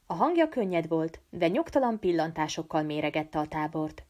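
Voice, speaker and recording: A woman reading a novel aloud as an audiobook, with an animated, expressive delivery. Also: sits low. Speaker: audiobook reader. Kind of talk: storybook narration.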